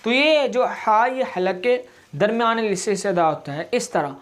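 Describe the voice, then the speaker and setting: A male recitation teacher talks through his lesson at an unhurried, measured pace. He has a rather high voice and lingers on each sound so learners can copy it. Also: animated. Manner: slow, deliberate, drawing out each sound to demonstrate it. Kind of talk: step-by-step lesson.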